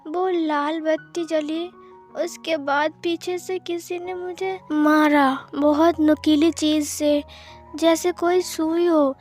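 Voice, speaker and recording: A woman's voice: extremely high pitch, steady tone, a little slow, faint music behind, pitched above the performer's own voice. A woman voicing a frightened, tearful young man who stammers and pleads, in a fan-fiction story reading. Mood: shaken, tearful. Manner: stammering, pleading, breaks off mid-word.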